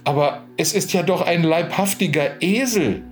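A man voicing sly male highway rogues who talk in a mocking, wheedling way. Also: moderate pace, faint music behind, lightly acted.

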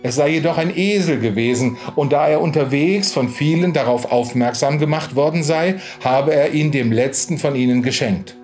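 Ein Mann liest ruhig ein Märchen vor. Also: male voice, on the high side, moderate pace, hardly any pauses, a little mellow, faint music behind. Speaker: narrator. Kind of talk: storybook reading.

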